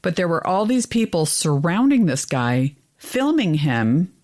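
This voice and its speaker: Woman, podcast co-host, casual and animated storyteller. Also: measured pace. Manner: animated storyteller, rises in pitch when exasperated. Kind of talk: casual chat.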